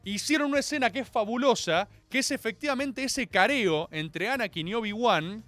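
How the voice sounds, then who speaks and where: A man's voice: very high-pitched, normal speed, a bit bright, no echo, faint music behind. A man with a Rioplatense Argentine accent hosting a radio show, telling a comic monologue in slangy, theatrical storytelling. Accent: Rioplatense Argentine Spanish. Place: radio studio.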